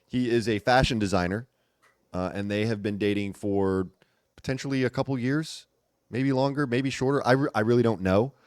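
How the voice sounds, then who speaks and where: A man hosting a casual gossip commentary chat, talking in an animated, teasing way with emphatic repetition. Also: medium pitch, normal speed, smooth, no echo, studio quality. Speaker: host.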